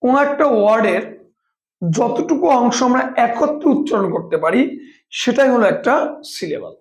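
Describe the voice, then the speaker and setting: A woman's voice: on the high side, expressive, darkish tone. Echoey woman teacher explaining grammar. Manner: slow, syllable-by-syllable demonstration of words; repeats and rephrases each point, asks questions and answers them. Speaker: English teacher. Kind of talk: classroom-style grammar lesson. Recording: roomy, echoey room sound.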